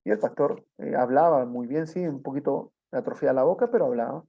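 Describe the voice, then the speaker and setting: A man's voice: medium pitch, a little fast, vocal fry. A man preaching a sermon, telling a testimony in a storytelling way and often adding tag questions. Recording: dull lo-fi sound.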